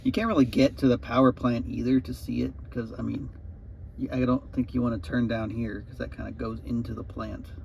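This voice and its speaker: Man, creaky voice, casual rambling vlog, offhand musing, muffled recording with loud background noise. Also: medium pitch, little pitch movement, fairly quick. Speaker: road trip vlogger.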